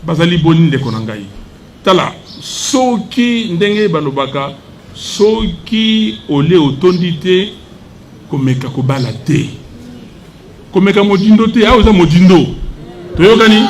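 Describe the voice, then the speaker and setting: Speaking at a measured pace with big swings in his high pitch, this older man from the Democratic Republic of the Congo is an opposition figure responding indignantly at a press conference. Lingala is his first language, and he alternates emphatically between it and French over slight background noise.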